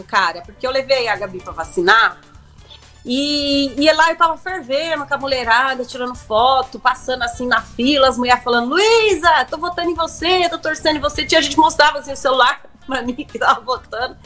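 A woman's voice: high-pitched, fairly quick, pushed and bright, soft background music. A young woman, a guest telling an emotional story in a chat, acting out quotes and restarting often. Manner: breathless, emotional, acts out quotes, many restarts. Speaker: guest, reality show contestant.

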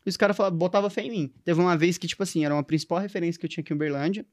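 A man's voice: high-pitched, racing, no room sound, studio quality. A young man with a Minas Gerais accent, a tattoo artist telling stories in slangy, casual podcast chat. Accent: Minas Gerais Portuguese. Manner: slangy storytelling.

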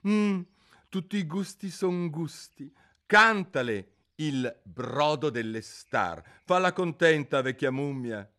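A man voicing a gruff, impatient male griffin who talks briskly and bosses others around. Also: fairly high pitch, animated, bright, forceful tone, full character voice. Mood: grumbling. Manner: brisk, commanding.

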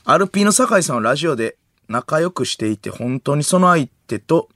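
A man with a Kansai accent co-hosting a late-night comedy radio show. He teases his partner with quick retorts, and his pitch jumps up and down a lot. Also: sing-song, fairly bright tone. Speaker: radio co-host.

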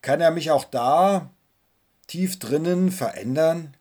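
A husky-voiced man playing a small, hot-tempered boy who whines and complains as he tells a story in a sermon. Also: on the high side, slow pace, a little mellow, voice pushed up. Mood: anxious questions. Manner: complaining, pleading.

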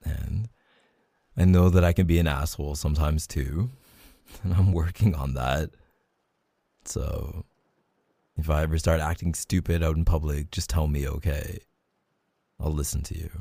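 A young man in a whispered role-play, talking softly and intimately as a reassuring boyfriend. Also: fairly even intonation, measured pace, long pauses, dry recording. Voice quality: gravelly, husky low voice. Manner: soft, intimate, reassuring talk to the listener.

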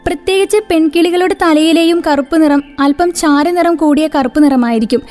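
A woman reading a scripted nature narration at an even, informative pace. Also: high voice. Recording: faint background music.

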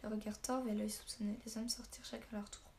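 Woman narrator, storybook reading, steady and flat in pitch, mellow tone. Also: fast talker, creaky, a little hiss or hum. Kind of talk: audiobook narration.

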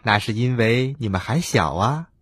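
A man voicing a loving frog mother in a children's story, slow and tender. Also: mid-range voice, animated, a bit bright, breathy edge, no echo, voice pushed down. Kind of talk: storybook role-play.

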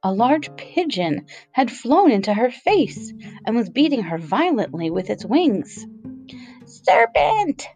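A woman narrating a children's story aloud in an expressive, storytelling way. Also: mid-range voice, unhurried, soft background music, poor audio.

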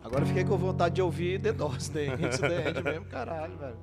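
A man's voice: fairly high pitch, a little fast. A man with a Brazilian accent co-hosting a live music stream in casual, slangy, sweary banter.

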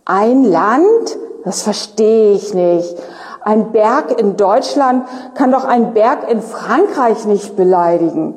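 A stubborn, simple-minded young soldier who plays dumb, as a woman reads him aloud. The reading is slow and unhurried in a fairly high voice. Everything carries a long, reverberant echo. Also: lively intonation, darkish tone, full character voice. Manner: read aloud slowly and evenly.

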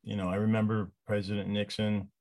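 A man in his sixties talking casually and reminiscing in a halting, folksy way. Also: lowish voice, little pitch movement, a little mellow. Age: 60s.

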